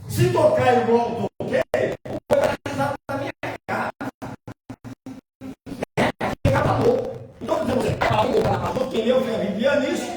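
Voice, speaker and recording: A man's voice: very high voice, moderate pace, pauses often. A man with a Brazilian Portuguese accent, a pastor preaching a sermon and quizzing the congregation. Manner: lively, questions the congregation, plays with children. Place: church hall. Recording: echoey church hall from far off, music behind.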